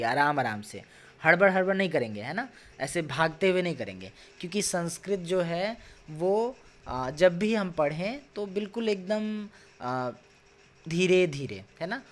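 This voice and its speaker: A man teaching a Sanskrit class online, patiently explaining and sounding out words slowly, syllable by syllable, with frequent tag questions. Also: sits high. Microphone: video call.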